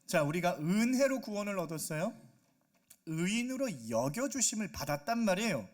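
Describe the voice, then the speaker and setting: High-voiced pastor preaching animatedly. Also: male voice, normal speed. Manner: animated, acts out quoted voices, asks the congregation questions. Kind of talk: sermon. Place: church sanctuary.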